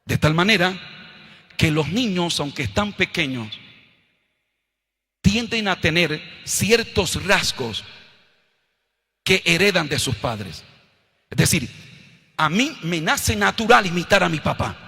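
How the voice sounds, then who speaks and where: A Colombian man preaching a sermon, swinging from low, quiet asides up to loud, shouted scripture lines. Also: big pitch swings, slow, creaky, pauses often, husky. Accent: Colombian Spanish. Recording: long hall reverb.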